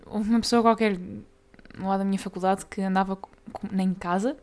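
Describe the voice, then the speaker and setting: Hosting her own relaxed podcast, a young European Portuguese woman speaks quickly and trips on tongue twisters. Her medium-pitched voice is steady and a little mellow.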